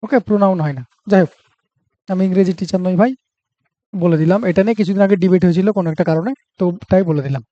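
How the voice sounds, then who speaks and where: A man's voice: sits high, racing, warm tone, dry recording, dull audio. A man with a Bengali accent teaching a reasoning lesson for exam prep, talking through each step aloud and checking that students follow.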